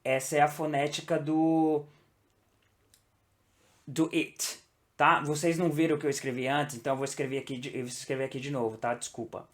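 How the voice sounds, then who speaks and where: A man's voice: a little high, little pitch movement. Man giving a chatty language lesson. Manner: keeps checking in with "tá?" and "entendeu?"; slows down to model English sounds. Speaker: English teacher. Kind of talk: casual online language lesson.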